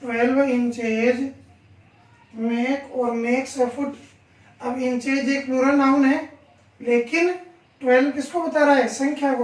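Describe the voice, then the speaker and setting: A male teacher giving a grammar lesson in a classroom, asking rhetorical questions and repeating examples slowly. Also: very high-pitched. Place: classroom with a board. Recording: echoey room, voice from far off.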